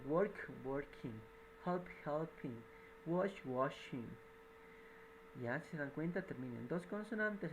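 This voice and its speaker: A man's voice: a little high, noisy background. Patient man teaching grammar rules. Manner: patient, repeats and translates each example. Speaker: English teacher.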